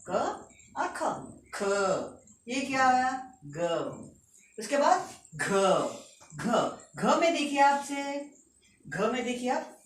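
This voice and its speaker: A woman teaching a school lesson, patiently reciting letters one by one and explaining them slowly. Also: a little high. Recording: echoey room, distant mic, faint noise.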